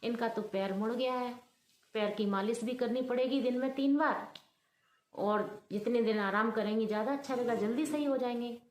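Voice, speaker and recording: A woman's voice: on the high side, normal speed, close to an everyday voice. A woman voicing a male doctor giving plain instructions. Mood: matter-of-fact. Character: matter-of-fact male doctor. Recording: roomy echo.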